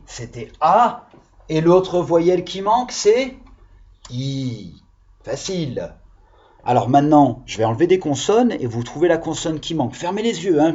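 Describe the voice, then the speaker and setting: A man's voice: on the high side, a little mellow, highs cut off, a little hiss or hum. A man teaching the alphabet to young children in a classroom, patient and encouraging.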